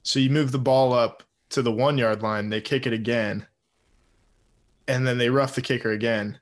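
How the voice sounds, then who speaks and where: A man co-hosting a sports talk show, chatting casually and explaining things in a tentative, halting way. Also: medium pitch, steady tone. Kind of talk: casual chat.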